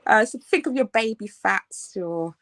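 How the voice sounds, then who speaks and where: A woman's voice: mid-range voice, expressive, a little slow, a bit bright, no room sound. A woman in her late thirties from the United Kingdom, a fashion designer chatting casually in an interview, with many fillers and frequent laughs. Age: 30s.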